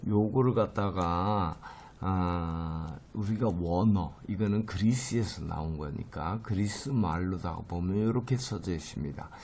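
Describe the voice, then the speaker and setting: A middle-aged man teaching a lesson, speaking haltingly with many fillers and repeating words slowly for his students. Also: sits low, darkish tone. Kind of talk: lecture on Greek myth names and pronunciation.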